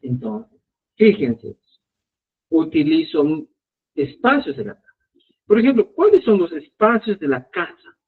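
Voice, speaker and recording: A man's voice: a little high, a little slow, long pauses, slightly rough. A man teaching a live online language lesson, speaking to his students and often stopping to check that they follow. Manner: animated, repeats checks like "¿ya?" to students. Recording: narrow phone-like audio.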